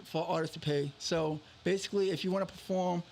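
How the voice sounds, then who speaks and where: A man's voice: sits high, fairly even intonation, brisk, gravelly, a little mellow. A man, a guest promoting his events, talking casually with many hesitations. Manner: hesitant, many fillers and restarts. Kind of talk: casual radio interview.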